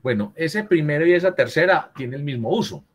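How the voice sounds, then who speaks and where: Fairly high-pitched, animated and brisk, a man's voice guides a virtual writing lesson. Over the video call he corrects students and keeps checking in with "¿cierto?".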